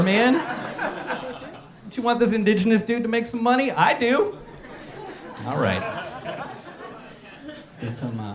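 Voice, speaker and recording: High-voiced man doing stand-up in an echoey room. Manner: animated storytelling with acted-out voices. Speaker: stand-up comedian. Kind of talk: stand-up comedy set. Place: comedy showcase room with live audience.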